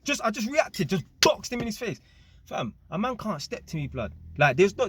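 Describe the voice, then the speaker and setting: A man casually telling a story to camera, animated and full of street slang and tag questions. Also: fairly high pitch, slight background noise. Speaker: vlogger.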